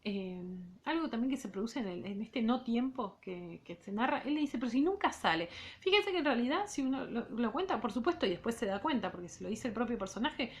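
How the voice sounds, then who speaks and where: A woman with an Argentine accent, a literature teacher, reading a novel aloud in class and pausing to comment on it casually. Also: on the high side, animated. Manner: reads in second person, breaks off for casual remarks.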